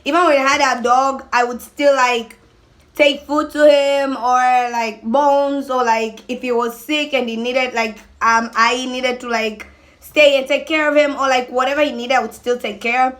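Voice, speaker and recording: Young woman, high-pitched chatty vlogger. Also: steady tone, a little slow, fairly bright tone. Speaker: vlogger hosting a mukbang. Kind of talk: casual chatty monologue to camera.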